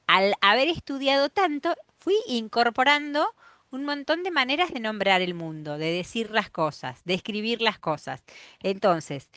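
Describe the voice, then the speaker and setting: A woman teacher with a Rioplatense Spanish accent lecturing a class, explaining step by step, often checking in with a quick "¿sí?" and sounding out example pronunciations. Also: medium pitch, a bit bright, no room sound, studio quality. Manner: demonstrates pronunciations aloud.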